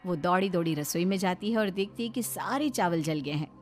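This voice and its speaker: A woman narrating a family cartoon story in a steady, expressive storybook style. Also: fairly low pitch, a little fast, over music.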